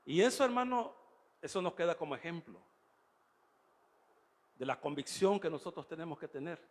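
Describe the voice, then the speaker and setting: A man's voice: a little high, sing-song, normal speed, long reverb tail. A man preaching a sermon, emphatic, constantly calling his listeners "brother". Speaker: pastor. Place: church.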